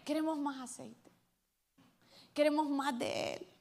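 High-voiced woman preaching a lively sermon. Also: a little slow, vocal fry. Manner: lively preaching, swings between loud calls and hushed asides. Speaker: pastor.

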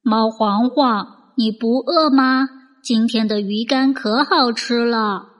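A woman's voice: on the high side, slow pace, voice pushed down. A woman voicing an earnest, kind little boy who loves cats in a children's bedtime story. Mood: concerned. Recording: long reverb with music bed.

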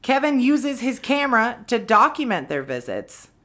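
A woman's voice: a little high, sing-song, normal speed, fairly bright tone. A woman co-hosting a podcast, casually recapping a film's plot, swearing freely and adding wry asides. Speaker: podcast co-host.

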